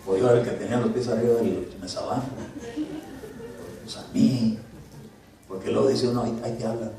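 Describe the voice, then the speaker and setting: A male pastor preaching a conversational sermon in a church, swinging from loud commands to soft asides. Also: mid-range voice, steady tone, normal speed, vocal fry, crowd noise. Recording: very echoey church hall from a distance.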